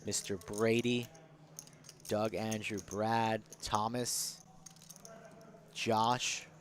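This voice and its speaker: A man's voice: on the low side, level tone, very slow. A man giving live poker commentary in a folksy, conversational way.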